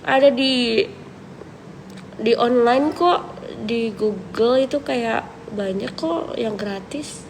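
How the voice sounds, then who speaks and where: A young woman hosting a livestream reads out viewer questions in a casual, relaxed chat, thinking aloud with fillers. She has a slight cold, giving her fairly high voice a gravelly, creaky edge. She speaks slowly with long pauses, and background noise is clearly audible.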